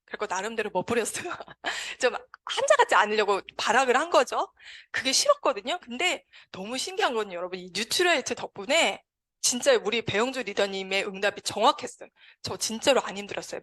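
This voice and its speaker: A woman speaks to an audience and shares a heartfelt personal testimony. Her fairly high voice swings widely in pitch as she tells the story with feeling. She acts out the quoted dialogue vividly. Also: big pitch swings, fairly quick, fairly bright tone. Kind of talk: emotional personal testimony speech.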